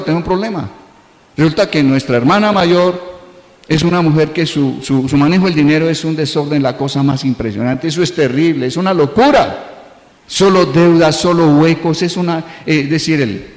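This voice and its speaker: A man with a Colombian accent preaching a sermon as pastor, earnest and repetitive, mixing personal anecdotes with exhortation. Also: fairly high pitch. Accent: Colombian Spanish. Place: large church hall. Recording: echoey church hall with long reverb.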